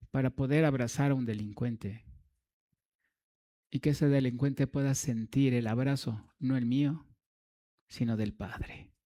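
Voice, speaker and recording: Mellow-voiced preacher telling a story. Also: male voice, medium pitch. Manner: storytelling with humor and asides to the congregation. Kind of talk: sermon. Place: church.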